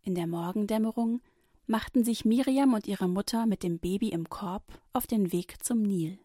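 Woman telling a bible story for kids, gentle and expressive, super dry close sound. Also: medium pitch, moderate pace, dry recording. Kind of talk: children's Bible story reading.

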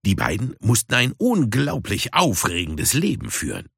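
A man reading a children's storybook aloud in an expressive, unhurried way. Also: lowish voice, gravelly, slightly rough, dry recording, clean studio sound. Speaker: audiobook narrator.

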